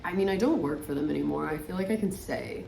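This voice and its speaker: Putting on her makeup, a vlogger in her late twenties rambles through a casual get-ready-with-me chat in a low, gravelly, dark voice. Her speech is informal and packed with fillers, especially "like," with trailing pauses. There's slight background noise and a roomy echo.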